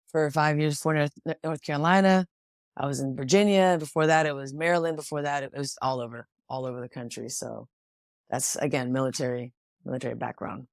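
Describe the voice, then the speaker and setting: In a dry, clean studio recording, a young woman from Washington State, USA, who boxes professionally, reflects on things during a casual interview, restarting often. She has a low voice.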